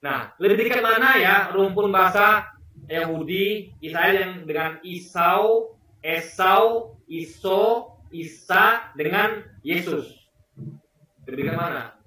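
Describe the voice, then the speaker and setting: High, bright man, rambling, echoey room. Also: takes it slowly, long pauses, far from the mic. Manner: rambling, repeats words, searches for examples. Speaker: video commentator. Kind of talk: casual commentary on a debate clip.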